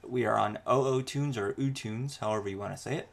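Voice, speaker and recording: A man, a podcast host being interviewed, talking in a halting way and often leaving his sentences unfinished. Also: on the low side, creaky. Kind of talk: casual interview.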